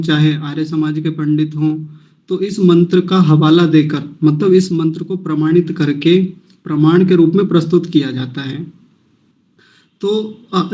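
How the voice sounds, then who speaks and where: A man teaching a lesson on a scripture verse. He patiently breaks each word into syllables and repeats them slowly. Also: fairly high pitch, mellow, lo-fi sound. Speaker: Vedic mantra teacher. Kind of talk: recitation lesson, slow syllable drills.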